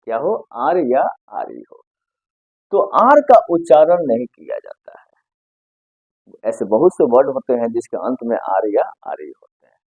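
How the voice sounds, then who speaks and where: A man's voice: a little high, husky, dry recording, narrow, tinny audio. A man teaching an English pronunciation lesson in Hindi, asking questions and answering them himself, repeating key points. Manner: stretches out single words, often ends with "ठीक है ना?".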